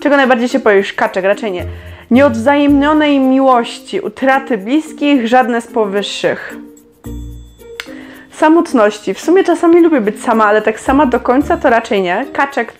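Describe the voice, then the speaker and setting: A woman's voice: high voice, expressive, moderate pace, soft background music. Chatty young woman doing online quizzes. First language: Polish. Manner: chatty, sarcastic asides, reads options aloud and comments. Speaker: vlogger. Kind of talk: casual chat, reading quiz questions aloud.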